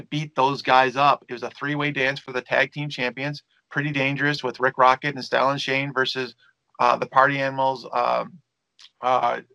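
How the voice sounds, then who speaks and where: A man's voice: medium pitch, pushed and bright, no room sound, lo-fi sound. A man who works as a wrestling promoter and manager, telling stories in a rambling interview with many fillers and restarts. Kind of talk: casual storytelling interview.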